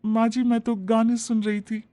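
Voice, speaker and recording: A woman voicing a young, flattering daughter-in-law who complains and pleads. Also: on the high side, moderate pace, no echo, pitched above the performer's own voice, natural voice. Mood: whiny.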